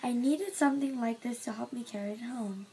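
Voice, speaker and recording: A woman's voice: fairly high pitch, a little fast, heavy background noise, natural voice. A woman reading as a cross old grandmother. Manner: curt and grumbling.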